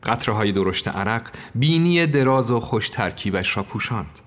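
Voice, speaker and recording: A man narrating a first-person story in a measured, reflective manner. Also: fairly low pitch, animated, a bit bright. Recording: long reverb.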